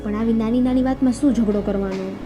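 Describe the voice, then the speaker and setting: A woman playing a gentle, mellow young peacemaker. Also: on the high side, steady tone, quick pace, faint music behind, lightly acted. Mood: pleading. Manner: pleading, conciliatory.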